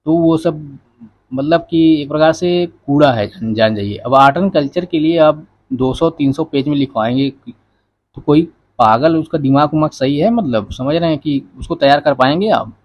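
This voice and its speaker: A man's voice: fairly high pitch, normal speed, highs cut off. A male exam coaching teacher giving a casual spoken lecture, advising students directly in a conversational way.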